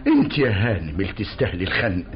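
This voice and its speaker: An actor with an Egyptian accent playing an excitable husband accused of murder, protesting and wailing in a radio drama. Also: male voice, fairly low pitch, rapid-fire. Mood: outraged. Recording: dull old radio recording with music.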